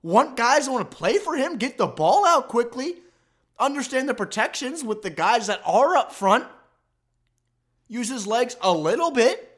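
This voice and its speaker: A man's voice: extremely high pitch, big pitch swings, normal speed, a bit bright. A man hosting a sports podcast, ranting emphatically and with exasperation about his team's loss. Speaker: podcast host. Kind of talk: fan sports commentary podcast.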